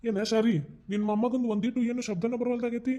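An actor voicing a gentle, indulgent grandfather in a cartoon, with a North Karnataka Kannada accent, soothing and calming. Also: very high voice, fast. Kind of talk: cartoon voice acting.

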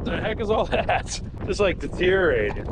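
A young man hosting a magnet fishing vlog, giving excited running commentary on each find from a bridge over a river, recorded on a body-worn camera in strong wind. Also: high-pitched, moderate pace. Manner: excited, says dude and bro a lot, thinks aloud. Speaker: magnet fishing channel host. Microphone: first-person body-worn action camera. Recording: wind noise on an outdoor action camera. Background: wind noise.

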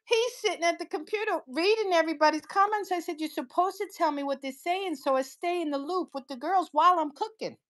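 A woman's voice: very high-pitched, brisk, few pauses, fairly bright tone. A woman in her fifties hosting a casual live stream from her living room, chatty and blunt, talking into a phone at arm's length. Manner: chatty, blunt, laughs easily. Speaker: cooking channel host. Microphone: phone held at arm's length.

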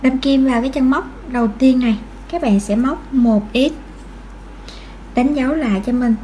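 Woman, high voice, patient crochet lesson, faint background hiss. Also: moderate pace, warm tone. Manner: patient, counts stitches aloud, frequent fillers. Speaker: crochet tutorial host. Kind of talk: step-by-step crochet instruction.

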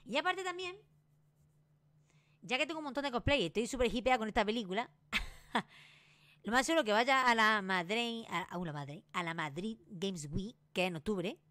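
A woman in her late twenties from Spain with a Granada Spanish accent, rambling excitedly in a casual vlog and restarting her sentences often. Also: on the high side, normal speed, long pauses. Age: late 20s. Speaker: YouTuber.

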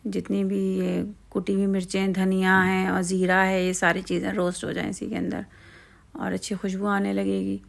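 Outdoors at night and apparently recording on a phone, a woman who hosts a home cooking channel chats her way through a recipe step by step, dropping fillers into the pauses. She sounds relaxed, with a strongly gravelly voice and a flat, even pitch.

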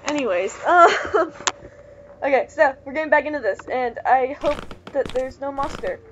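A woman's voice: high-pitched, moderate pace, fairly bright tone, slight background noise. A young woman hosting a let's play, chatting casually and exclaiming in alarm at the game. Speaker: let's play host, player. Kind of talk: casual gaming commentary.

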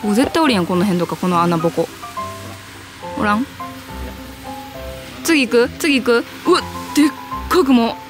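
A woman with a Kansai accent chatting excitably and jokingly while hunting bugs outdoors, sometimes shrieking in fright. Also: fairly high pitch, normal speed, pauses often, music in the background. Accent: Kansai Japanese. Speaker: vlogger. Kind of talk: casual outdoor bug-hunting vlog.

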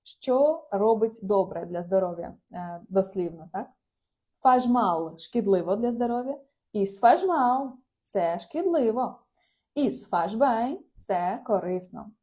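A woman with a soft, mellow voice leads a casual online language class. She explains phrases patiently and laughs easily between examples. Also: mid-range voice, lively intonation, a little slow. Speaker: Portuguese language teacher. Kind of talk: live online lesson, reading chat replies.

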